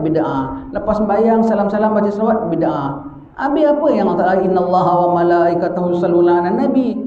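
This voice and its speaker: A man giving a religious sermon, lively with rhetorical questions and mocking asides. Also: high-pitched, slight background noise. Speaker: religious teacher. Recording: echoey, dull lo-fi lecture recording.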